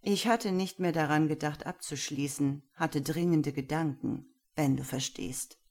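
A woman voicing a self-assured older man who speaks slowly with teasing calm. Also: sits low. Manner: slow, teasing, unhurried.

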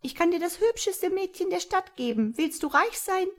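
A woman doing a tiny piping ancient sprite. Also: animated. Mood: brisk. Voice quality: soft high piping voice. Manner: brisk, bossy, quick to answer. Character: tiny ancient bearded male sprite, quick, brisk. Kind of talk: storybook reading.

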